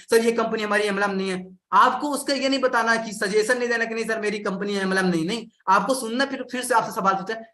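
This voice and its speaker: Guy teaching sales, high bright voice, acts out customer lines, echoey room. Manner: animated, acts out customer and seller lines, addresses audience directly. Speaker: sales trainer. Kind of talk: live sales training session.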